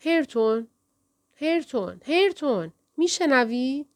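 A woman's voice: high voice, big pitch swings, dry recording, pitched above the performer's own voice. A woman voicing a proud, headstrong young woman who coaxes and insists, near tears. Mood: coaxing. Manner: insistent, coaxing, close to tears.

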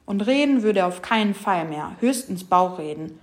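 A woman reading a children's story aloud with lively, expressive storytelling. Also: medium pitch, normal speed. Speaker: storybook reader.

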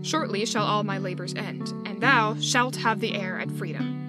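A woman playing a commanding, weary old male sorcerer in a stage production, measured and declamatory. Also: mid-range voice, loud music behind the voice, close to an everyday voice. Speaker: actor playing Prospero. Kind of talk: stage acting.

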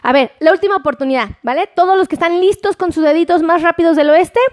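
A woman's voice: very high-pitched, fast talker. A woman with a Mexican accent hosting a casual health livestream, chatting playfully with viewers and greeting them by name, recorded on her phone. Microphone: phone camera.

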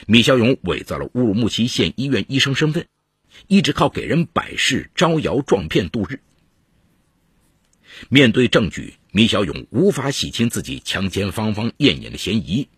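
A man narrating a true-crime story in a measured, scripted storytelling voice with dramatic emphasis. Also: fairly low pitch, a bit bright, breathy edge, no echo. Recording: dry close studio voice-over.

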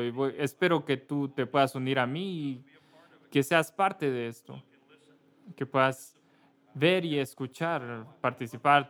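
A man from Kentucky, a pastor giving casual church announcements, halting and correcting himself often. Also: mid-range voice, fairly bright tone. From Kentucky, USA. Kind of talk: church announcements before a service.

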